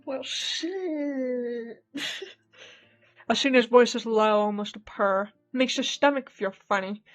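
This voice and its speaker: A woman's voice: a little high, slow pace. A woman streamer reading a dating game's text aloud and reacting with laughing asides. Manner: animated, laughing asides between read lines.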